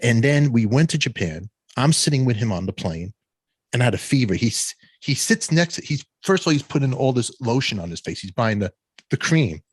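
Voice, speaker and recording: Husky guy hosting, really into the stories, tells his own too, dry sound. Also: mid-range voice, big pitch swings, brisk, no room sound. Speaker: podcast host. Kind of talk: casual interview.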